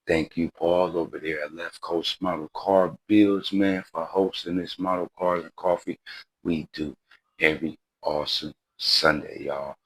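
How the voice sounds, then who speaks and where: A man's voice: low-pitched, fairly even intonation, unhurried, a bit bright, breathy edge, dry recording, rough recording. A man in his forties hosting a model car channel, chatting casually to viewers in a laid-back, rambling way, often saying "y'all" and "you know what I mean.". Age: 40s.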